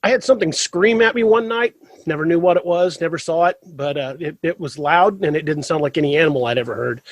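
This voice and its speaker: A man's voice: a little high, fast, no echo. A man in his fifties from Missouri, a guest author telling stories in a casual interview, with many ums and restarts. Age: 50s. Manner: rambling storyteller, frequent ums and restarts.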